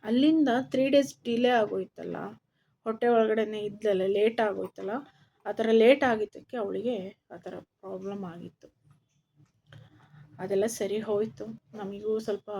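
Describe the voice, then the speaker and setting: A woman's voice: medium pitch, steady tone, measured pace, gravelly, long pauses, dark tone, a little hiss or hum. A young woman telling her own story earnestly as a vlogger, quoting what others told her. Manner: earnest, recounting quoted words of others. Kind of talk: personal storytelling.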